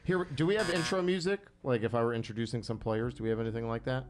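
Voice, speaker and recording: A man co-hosting a podcast, rambling casually and trailing off quietly at the ends. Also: medium pitch, fast talker, background noise. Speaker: podcast co-host. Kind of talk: casual chat.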